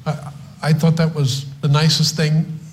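A man hosting a talk-show interview, telling an anecdote in a low-key, halting way. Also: flat delivery, slight background noise.

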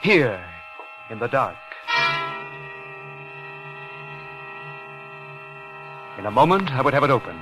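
An actor playing a nervous young ex-soldier who stammers, pleads and narrates in halting 1940s radio acting, on an old broadcast. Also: male voice, medium pitch, very animated, loud music behind the voice, lightly acted. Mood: tense. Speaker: narrator and lead of a radio drama.

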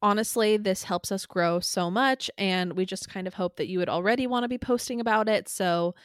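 A woman's voice: medium pitch, fairly quick, smooth, no room sound. Dry, teasing woman podcast co-host. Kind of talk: casual podcast chat.

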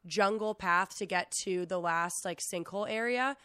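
An American woman of about thirty, hoarse from being sick, casually telling an animated story in filler-heavy speech. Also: medium pitch, normal speed, no echo. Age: around thirty. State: sick, hoarse, losing her voice. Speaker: podcast host. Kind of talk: casual chat, telling a travel anecdote.

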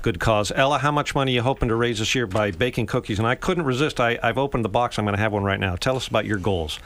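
Friendly male radio host of middle pitch, chatty and quick to laugh. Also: fairly bright tone. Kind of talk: community radio interview.

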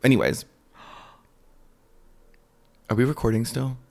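A man co-hosting a podcast in casual chat, telling stories in a profane, animated way full of "like". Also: medium pitch, a little slow, gravelly. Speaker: podcast co-host.

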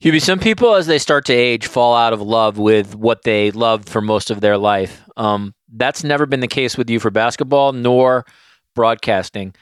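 Smooth-voiced podcast host asking questions. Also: male voice, medium pitch, no room sound, studio quality. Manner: measured, hesitant with ums. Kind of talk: interview questions.

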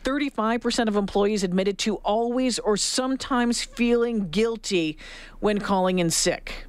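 A woman's voice: medium pitch, a little slow, smooth, no room sound. Woman radio host, middle aged, chatty and emphatic, really dry close studio sound. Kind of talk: conversational talk radio discussion.

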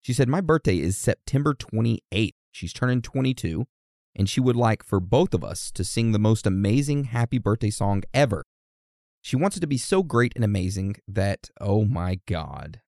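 A man's voice: fairly low pitch, sing-song, moderate pace, vocal fry, darkish tone, no echo, studio quality. A man co-hosting a podcast, reading listener birthday messages in a casual, teasing, easily amused way. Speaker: podcast co-host.

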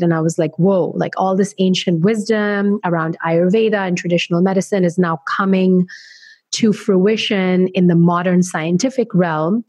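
A woman's voice: mid-range voice, no room sound. Articulate woman guest from India. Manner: articulate, explanatory. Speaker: guest, health educator. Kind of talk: interview answers. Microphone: remote call.

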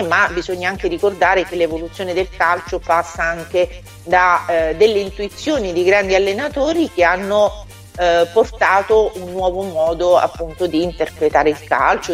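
A woman with a fairly low voice comes through over a phone call, talking sport as a pundit. She speaks in a measured, analytical way, weighing each point. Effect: heard over a phone or internet call. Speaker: football pundit calling in.

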